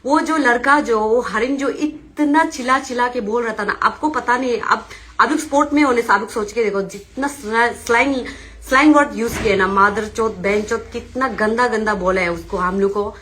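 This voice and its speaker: Speaking at a moderate pace in a fairly high, fairly bright voice, a young woman with an Arunachal Pradesh accent insistently tells reporters what she witnessed. She's agitated and retells the dispute by quoting what was said.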